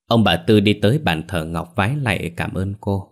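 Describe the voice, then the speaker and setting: A man narrating a ghost story in a steady, dramatic way. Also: low voice, moderate pace.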